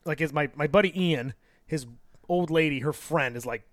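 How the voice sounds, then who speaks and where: A man co-hosting a casual podcast, telling crude, rambling stories that trail off quietly. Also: fairly high pitch, moderate pace, no echo, clean studio sound. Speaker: podcast co-host.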